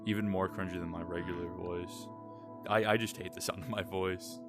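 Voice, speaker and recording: A man's voice: sits low, flat delivery, normal speed, music in the background. A young man with a Southern American accent, rambling candidly in a casual late-night podcast chat and swearing freely. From Southern United States. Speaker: podcast co-host.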